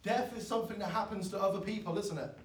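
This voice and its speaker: A man, preaching a sermon in an earnest, pleading way that swells loud and then drops soft. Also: high-pitched, quick pace. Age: 20s. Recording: echoey, from far off.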